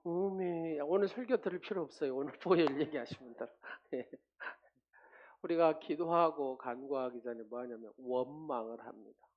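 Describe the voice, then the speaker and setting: A man preaching a sermon as pastor. He calls out questions to the congregation and swings from loud exclamations to hushed, whispered asides. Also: on the high side, normal speed, dull audio.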